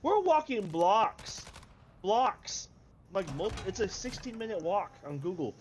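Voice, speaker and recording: Speaking slightly slowly in a high-pitched, sing-song voice, a young American man trades swearing banter in emphatic casual chat, repeating words to stress them. There's faint noise in the background.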